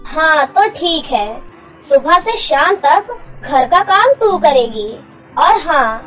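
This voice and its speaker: A woman's voice: high-pitched, lively intonation, takes it slowly, fairly bright tone, faint music behind, heavily acted, rough recording. A woman playing a harsh, cruel stepmother in a cartoon story, scolding with contempt.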